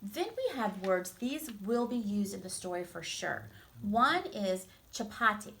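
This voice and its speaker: Reading a storybook to children, this woman teacher has a gravelly, medium-pitched voice. Her delivery is expressive and instructive, with pauses to make things simple and clear.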